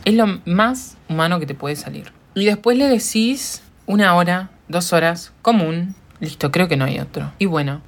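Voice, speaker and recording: Uruguayan woman hosting a chatty podcast. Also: on the low side. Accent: Uruguayan Spanish. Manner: rambling, joking, answers her own questions, laughs often. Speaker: podcast host. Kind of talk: casual solo podcast chat.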